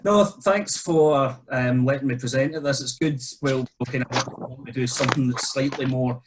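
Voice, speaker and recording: A man researcher presenting his paper at an online seminar in a relaxed, conversational way. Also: medium pitch, moderate pace, heavy background noise. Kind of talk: academic seminar talk.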